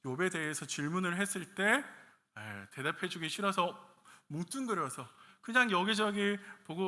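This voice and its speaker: A man's voice: sits high, sharp tone. A male pastor from the Gyeongsang region preaching a sermon, putting rhetorical questions to his congregation. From Gyeongsang region, Korea. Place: church sanctuary. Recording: echoey church hall.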